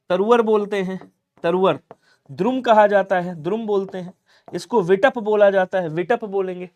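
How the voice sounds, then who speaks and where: A man with a notably high voice runs an exam-prep grammar lesson. He drills each word by repeating it and keeps telling his students to remember it. He poses questions to the class and answers them in the same breath. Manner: addresses students directly, asks and answers his own questions. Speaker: teacher.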